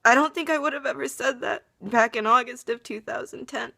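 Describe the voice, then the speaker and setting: A woman's voice: a little high, brisk, creaky, bright, forceful tone, no echo, studio quality. A young woman vlogger speaking tearfully in an earnest, heartfelt confessional. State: tearful, crying. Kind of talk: confessional personal vlog.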